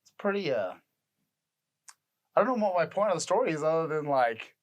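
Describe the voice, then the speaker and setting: Thirties male podcast co-host, loose rambling delivery, quick to laugh. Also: on the high side, big pitch swings. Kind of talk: casual chat.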